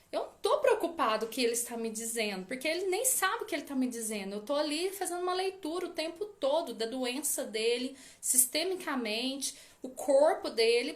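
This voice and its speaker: A woman's voice: high-pitched, fairly bright tone. A woman with a Brazilian Portuguese accent, a family constellation therapist giving an informal talk and speaking straight to her listeners. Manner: addresses listeners directly with frequent "tá?" tags. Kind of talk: informal lecture to an audience.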